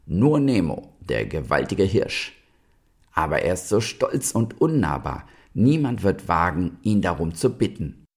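A man doing a croaking old owl. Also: sits low, big pitch swings, unhurried, exaggerated voice. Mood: solemn. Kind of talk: storybook reading.

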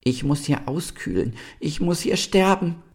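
A man's voice: mid-range voice, lively intonation, unhurried, darkish tone, husky, voice pushed up. A man reading a storybook aloud and voicing a sorrowful fallen star that laments in a plaintive, wailing voice. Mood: lamenting.

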